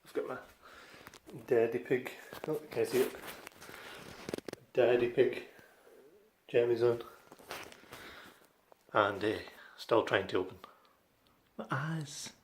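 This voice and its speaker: A man's voice: mid-range voice, slow, long pauses, slight background noise. A man with a west coast Scottish accent vlogging outdoors with a handheld camera, chatty and self-deprecating. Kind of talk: casual vlog to camera. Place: outdoors on town streets.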